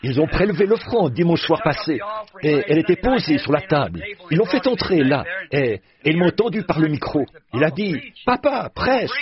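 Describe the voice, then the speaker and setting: An older man preaches to a church crowd in a folksy, joking manner, his voice rising and falling with real liveliness. The sound is muffled and dull, like an old tape, and the congregation is audible behind him. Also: fairly high pitch. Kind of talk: sermon. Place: church platform before a congregation. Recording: muffled old recording, audience heard.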